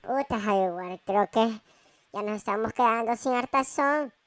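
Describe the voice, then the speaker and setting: A woman's voice: a little high, normal speed, lightly acted. A woman voicing a dim-witted young male sidekick, talking in heavy slang, in an amateur audio story. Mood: worried. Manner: slangy, swears casually.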